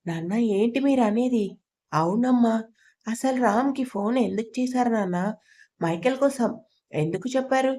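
A woman voicing an anxious young wife in a Telugu storybook narration, pleading and hurried. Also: fairly high pitch, lively intonation, warm tone. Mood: worried.

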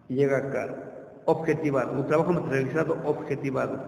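A man's voice: mid-range voice, vocal fry, darkish tone. A man giving an informal classroom lecture, constantly checking in with his listeners with tag questions. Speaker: university lecturer. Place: lecture room. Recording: roomy hall echo, faint noise.

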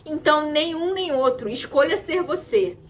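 A woman's voice: high voice, expressive, normal speed, slight background noise. A Brazilian woman giving an emphatic motivational talk as a mentor, repeating her key phrases for stress. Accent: Brazilian Portuguese. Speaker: women's mentor.

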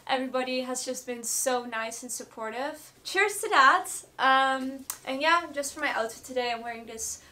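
A woman in her twenties talks to the camera in a casual vlog style. Her voice sits a little high, and she sounds like she is giving an everyday personal update from her bedroom. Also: steady tone, brisk, hardly any pauses, fairly bright tone. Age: 20s. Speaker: vlogger, roller skater. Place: bedroom, indoors.

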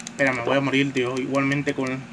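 A man's voice: medium pitch, monotone, fast, background noise. A man giving casual gameplay commentary, chatty, peppering his talk with a filler word and swearing at enemies. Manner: chatty, says "tío" constantly, swears at enemies. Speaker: gamer. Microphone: phone mic.

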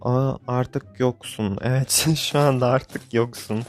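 A man's voice: medium pitch, fairly even intonation, slow pace. A young man giving frustrated live commentary on his own gameplay, grumbling and venting at the game. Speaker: gaming YouTuber.

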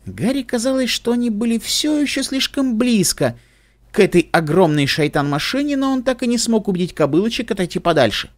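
Expressive male audiobook narrator. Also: sits high, brisk. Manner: expressive storytelling. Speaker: audiobook reader.

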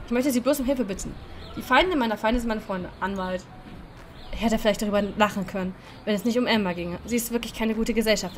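A woman's voice: fairly high pitch, a little hiss or hum. A woman hosting a let's-play, reading a dating game aloud and voicing every character, playful and laughing at her own slips.

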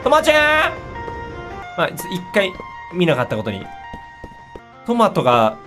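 A woman giving excitable commentary on a horror game, easily startled, often exclaiming and repeating her words. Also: fairly low pitch, normal speed. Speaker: game streamer. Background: music.

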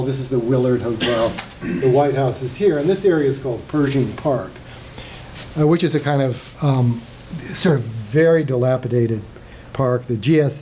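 An older man gives a slide lecture in a hall, his voice mellow and unforced. He talks conversationally, stopping for fillers and restarting phrases as he goes. A faint hiss of room noise sits behind him. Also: medium pitch.

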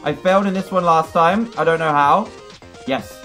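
A young man giving excited gameplay commentary as a gaming YouTuber, shouting and yelping at every fail and win. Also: on the high side, normal speed, faint music behind. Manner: excitable, shouts and yelps at fails and wins.

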